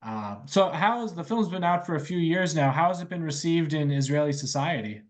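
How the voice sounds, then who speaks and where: A man's voice: a little high, animated, brisk. A man working as an interviewer, asking questions in a casual conversational style.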